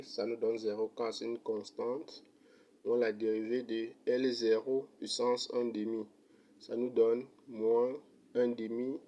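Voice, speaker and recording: A mid-range male voice, recorded with dull audio, walks step by step through an economics derivation. This teacher's delivery is slow, methodical and even, and he ends with thanks and a sign-off.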